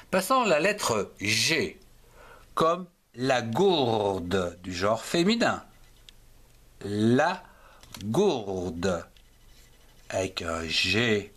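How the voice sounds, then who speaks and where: A man with a French accent teaching handwriting, spelling out words letter by letter and sounding out each syllable. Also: mid-range voice. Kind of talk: slow spelled-out handwriting lesson.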